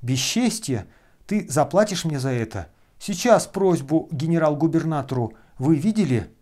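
A man voicing a brash, abusive freeloader who shouts and hurls insults. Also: on the high side, lively intonation, normal speed, close to an everyday voice. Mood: outraged.

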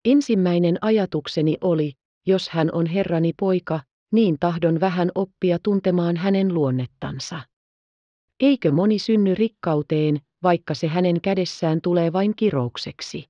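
A woman's voice: on the low side, no room sound, lightly acted. A woman voicing an aged, crippled merchant father who speaks with solemn, impassioned gravity, in a slightly dull audiobook recording. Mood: tender.

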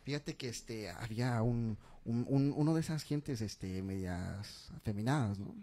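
A comedy radio co-host telling a joke in a casual voice at an everyday pitch. The speaker keeps stumbling over words and restarting on the way to the punchline. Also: measured pace, dark tone. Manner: stammering restarts before the punchline. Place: radio studio.

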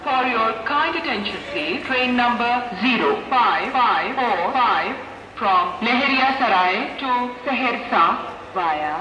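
A woman giving an automated train announcement over a station loudspeaker, in slow, measured phrases. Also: fairly high pitch, lively intonation, dull audio. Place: railway station platform. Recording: echoey loudspeaker in a large station hall, heard from far off, with noise.

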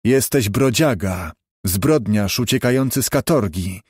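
A man's voice: lowish voice, lively intonation, unhurried, a little mellow, breathy edge, no room sound. Dude reading a tough exile guy, short commanding lines, audiobook, dry. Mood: stern. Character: stern, strong male exile in the taiga. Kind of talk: audiobook character voice.

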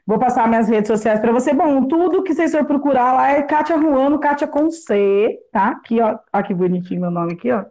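A woman's voice: high voice, animated, brisk, hardly any pauses, warm tone. A Brazilian woman with a frank, upbeat manner, giving a casual sales training talk over a video call and laughing often. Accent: Brazilian Portuguese. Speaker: guest speaker, sales consultant.

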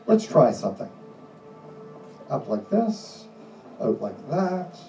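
A middle-aged hypnotist running a comedy hypnosis show speaks in slow, deliberate, repeated commands. His voice is a little high, sing-song, and dark in tone, and it's far from the recording, picked up from the crowd as his handheld mic plays through an echoey club PA alongside music in a small indoor venue.

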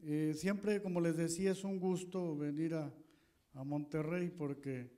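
A man's voice: fairly high pitch, fairly even intonation, unhurried, warm tone. A middle-aged man from Coahuila, giving a rambling, folksy public history talk on an auditorium stage with a handheld mic. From northern Coahuila, Mexico. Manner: folksy, rambling, with many fillers and restarts. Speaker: guest historian speaker.

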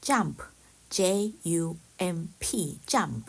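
Woman, teacher, slow deliberate pace, spells words letter by letter, repeats each word, polite and soft-spoken. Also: fairly low pitch, very animated, vocal fry, breathy edge. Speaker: English teacher. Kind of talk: slow word-by-word vocabulary lesson.

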